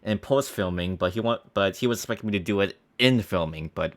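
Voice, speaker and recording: A man's voice: low-pitched, fairly quick. A young man casually commenting on his old school video, rambling with many restarts and small laughs.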